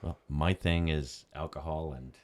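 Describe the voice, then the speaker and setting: Very deep-voiced man, wry. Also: fairly even intonation, a little slow. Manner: wry, joking. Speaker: producer handling the live chat. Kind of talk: casual banter.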